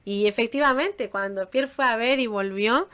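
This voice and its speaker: A woman's voice: on the high side, moderate pace, a bit bright, clear, resonant tone. A woman giving an informal Bible teaching in a conversational way, full of fillers and restarts.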